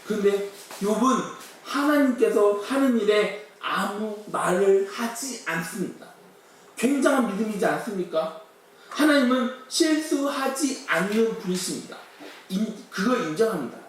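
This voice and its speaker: Guy preaching a sermon, high voice, heard from far off in a really echoey church. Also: lively intonation, unhurried, a little hiss or hum. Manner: rhetorical questions, acts out quoted complaints.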